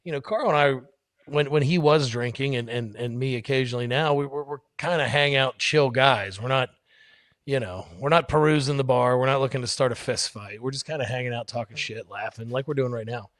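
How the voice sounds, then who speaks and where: A man's voice: mid-range voice, fairly quick, no room sound, clean studio sound. A man telling a rowdy bar story in casual chat, swearing freely and acting out what people said. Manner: animated, profane, acts out quotes. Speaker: podcast guest.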